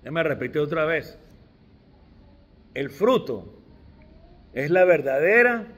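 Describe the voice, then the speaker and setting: A man's voice: fairly high pitch, very animated, slow, fairly bright tone. A middle-aged man preaching a sermon, stressing key words with restarts along the way.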